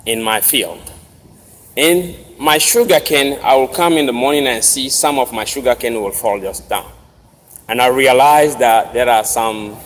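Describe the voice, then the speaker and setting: A man from Togo with a Togolese accent gives a formal commencement speech with personal storytelling, speaking deliberately in short, separated phrases. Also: mid-range voice. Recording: noisy, reverberant large hall ambience.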